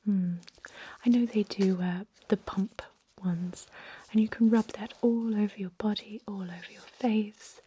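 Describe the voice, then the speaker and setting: A woman with a natural, medium-pitched voice whispers breathily in an ASMR roleplay as a calm, reassuring thousand-year-old vampire medic. Unhurried and gentle, she hesitates as she softly explains things, sounding calm. There's slight background noise.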